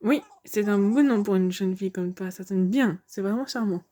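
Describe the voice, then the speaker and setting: A woman's voice: mid-range voice, normal speed, mellow, slight background noise, close to an everyday voice. A woman reading aloud the lines of a chatty male cat traveler from a game, in a friendly, curious tone with plenty of questions.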